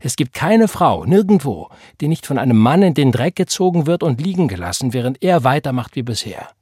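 A fierce, outspoken older woman, as a male audiobook reader puts her on, preachy and emphatic, her husky voice pitched up and pushed loud. She sounds close and dry, with no room around her. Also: animated, normal speed, no room sound. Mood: indignant. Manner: preachy, emphatic, invokes the Lord. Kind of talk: audiobook character voice.

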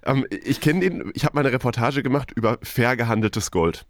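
A man with a medium-pitched voice talks as a podcast co-host. He tells stories in a relaxed conversational style, and the recording is dry with very little room sound. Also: a little fast, dry recording. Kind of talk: casual conversational storytelling.

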